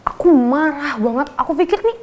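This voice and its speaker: A woman's voice: high-pitched, a little fast, a little hiss or hum. A young woman, telling a story casually and acting out quotes with lots of energy and laughter. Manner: animated, acts out quotes loudly, laughs often.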